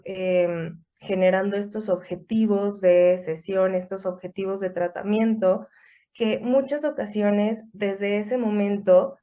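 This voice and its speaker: Slow, measured woman therapist. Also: mid-range voice, warm tone. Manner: measured, explanatory, many fillers. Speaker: psychotherapist guest. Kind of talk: clinical explanation in conversation.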